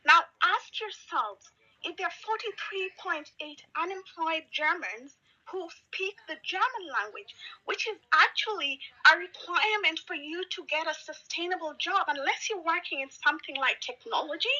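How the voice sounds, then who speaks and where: A woman's voice: very high voice, pushed and bright. A woman from Kenya, living abroad, speaking angrily and emphatically as a caller in a live audio discussion. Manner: angry, indignant, emphatic. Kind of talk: impassioned political commentary. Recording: lo-fi call audio.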